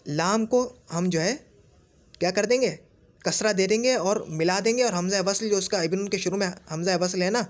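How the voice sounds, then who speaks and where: A man teaching Arabic grammar in Urdu, repeating each example word slowly and checking in with "theek hai?". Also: high voice. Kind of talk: explaining a grammar lesson.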